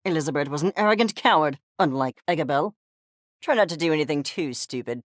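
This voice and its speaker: Deep-voiced and expressive, a woman speaks a little fast while acting as a haughty furry scientist character in a video game. Her scornful, impatient delivery is verbose, theatrical and condescending, with careful articulation. The studio-quality audio has no room sound.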